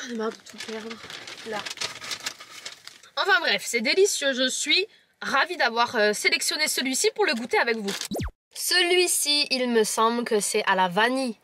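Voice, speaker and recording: Bright-voiced chatty French woman vlogger. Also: on the high side, expressive, moderate pace, long pauses, slight background noise. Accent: Lorraine French. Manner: chatty, playful, teasing viewers. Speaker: vlogger tasting chocolates. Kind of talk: casual tasting vlog to camera.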